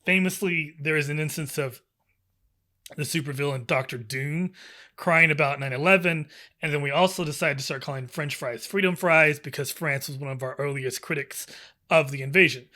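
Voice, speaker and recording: A man co-hosting a casual podcast, talking fast with sarcasm and frequent swearing. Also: on the high side. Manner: profane, sarcastic, animated. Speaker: podcast co-host. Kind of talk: casual gaming podcast chat.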